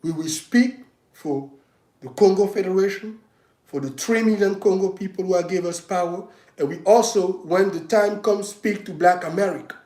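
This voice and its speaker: On a livestream, an African man who styles himself a state governor delivers heated, emphatic political commentary, restarting often as he pushes his points. His voice is high-pitched and mellow at normal speed, heard through reverberant, poor audio.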